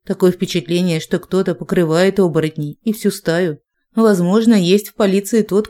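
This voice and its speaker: A woman narrating a first-person story as an audiobook, in a tense, even storytelling manner. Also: fairly low pitch.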